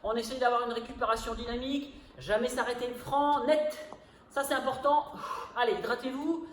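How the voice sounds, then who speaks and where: A woman fitness instructor leading a workout, counting reps and calling out cues with energetic encouragement, a little breathy from exertion. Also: on the high side, moderate pace. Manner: energetic, encouraging drill calls. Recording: echoey room, noticeable background noise.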